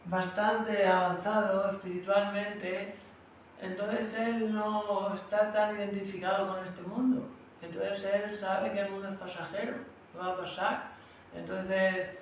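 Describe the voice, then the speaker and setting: Spain Spanish male teacher, high voice, chatty devotional storytelling, distant and very reverberant. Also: a bit bright, slight background noise. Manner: conversational, tags phrases with "¿no?". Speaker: spiritual teacher. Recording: very echoey room, distant mic.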